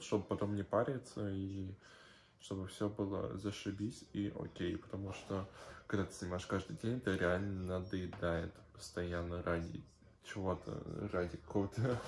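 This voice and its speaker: Young guy just chatting to his vlog, slangy n rambly, kinda low voice, slightly noisy audio. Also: darkish tone. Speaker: vlogger. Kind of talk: casual video diary chat. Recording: faint background noise with clicks.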